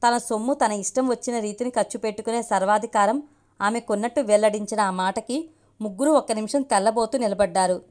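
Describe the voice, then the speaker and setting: Woman storyteller, scripted narration, steady and expressive. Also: medium pitch, brisk.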